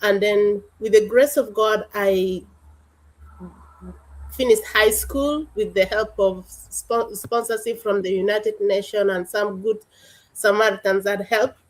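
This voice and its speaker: A woman's voice: medium pitch, fairly even intonation, slow, rough recording. A woman from South Sudan, a guest on an online panel, telling her story in an earnest, heartfelt way over a video call.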